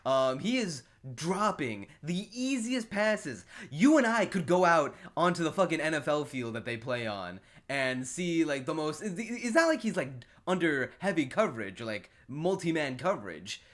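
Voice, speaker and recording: A sports betting predictions host rambles through casual solo commentary, giving football predictions and betting picks with lots of fillers, swearing and chuckles. His slightly high, a bit bright voice is very animated, moving at a moderate pace with hardly any pauses.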